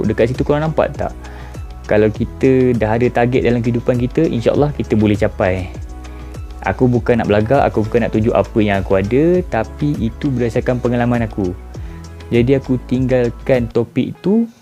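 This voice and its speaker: A male vlogger in his mid-twenties gives a relaxed, reflective monologue to camera in a Malaysian Malay accent, posing rhetorical questions straight to his viewers. He has a dark, mellow voice at a middle pitch, and soft music plays faintly underneath.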